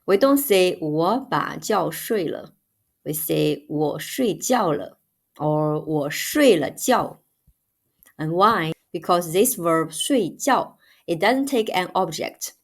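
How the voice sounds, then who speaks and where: Woman language teacher, lowish pitch, emphatic and patient, walks through examples slowly. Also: expressive. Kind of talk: explanatory grammar lesson.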